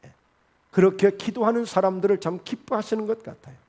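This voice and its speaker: Male pastor, high-pitched, preaching in church and acting out the voices in his stories. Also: fairly even intonation, a little fast, a little mellow. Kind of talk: sermon. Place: church sanctuary.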